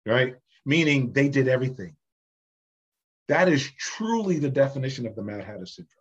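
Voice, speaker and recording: Male podcast guest, husky tone, slightly muffled recording, emphatic and animated delivery. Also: mid-range voice, moderate pace. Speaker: podcast guest, business systems founder. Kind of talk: conversational podcast interview.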